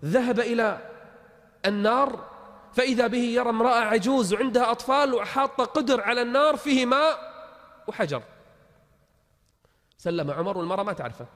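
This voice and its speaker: A man's voice: extremely high pitch, brisk, pauses often, fairly bright tone. A man preaching a sermon, telling stories with impassioned, swelling emphasis. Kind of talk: sermon storytelling. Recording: long hall reverb.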